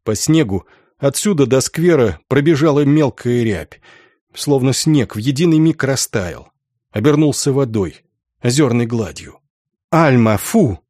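A man narrates literary fiction in a measured, expressive voice at a medium pitch. The recording is dry and close, with no room sound. It sounds like a studio audiobook. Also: no room sound.

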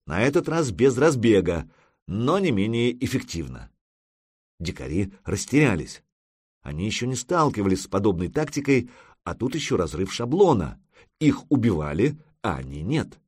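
A man narrating a fantasy battle audiobook with expressive, punchy storytelling and a close studio mic. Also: lowish voice, slightly rough, dry recording.

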